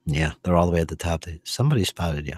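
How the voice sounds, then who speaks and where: Deep husky-voiced man running a tabletop game. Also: lively intonation, a little mellow, no echo. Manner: loose, halting narration with many fillers. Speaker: game master.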